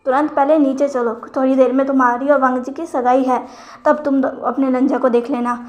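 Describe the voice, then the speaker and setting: A woman's voice: high voice, flat delivery, a little fast, close to an everyday voice. A woman voicing a firm, affectionate mother who scolds her grown son. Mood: scolding.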